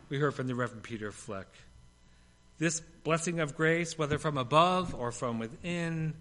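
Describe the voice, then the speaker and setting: A male pastor preaching a sermon, swinging between loud emphatic lines and hushed ones, with playful humorous asides. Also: a little high.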